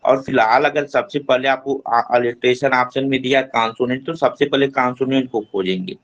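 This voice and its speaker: A man teaching an online English class in Hindi, explaining terms step by step and reading English lines slowly. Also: medium pitch, steady tone, fairly bright tone, dull audio. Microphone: online class mic.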